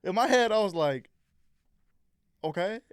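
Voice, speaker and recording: A young man co-hosting a casual chat, slangy and animated, acting out voices in his stories. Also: on the high side, brisk, no echo, studio quality. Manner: animated storyteller, slangy, acts out quotes. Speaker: co-host.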